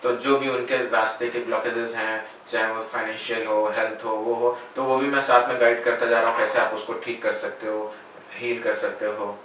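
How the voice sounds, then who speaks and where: Bright-voiced man in an echoey room. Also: fairly low pitch, level tone, normal speed. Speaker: spiritual guide and meditation teacher. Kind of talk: interview answers. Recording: very echoey room, voice far from mic, faint noise.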